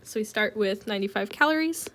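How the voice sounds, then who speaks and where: This woman talks fast at a medium pitch, teaching chemistry in a recorded lecture as she gets over a cold. Relaxed in tone, she explains each step and uses a lot of ums.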